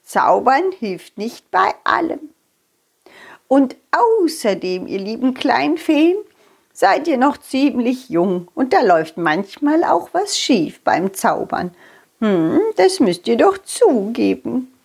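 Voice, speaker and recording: A woman voicing a kindly, forgetful old female fairy who speaks gently and soothingly. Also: high voice, very animated, slow, gravelly, breathy edge, exaggerated voice. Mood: gentle.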